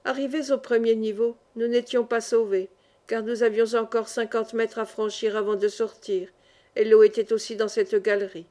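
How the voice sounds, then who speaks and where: A woman narrating a classic novel as an audiobook, with an expressive, dramatic reading. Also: a little high, moderate pace.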